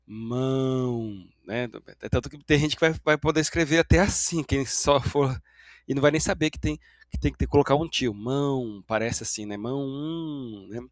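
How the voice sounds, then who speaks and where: A man's voice: medium pitch, no echo. Patient male teacher, dry close sound. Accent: Brazilian Portuguese. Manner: explains patiently, with frequent tag checks like "né?" and "tá?"; stretches out example words slowly to demonstrate sounds. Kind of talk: grammar lesson at a whiteboard.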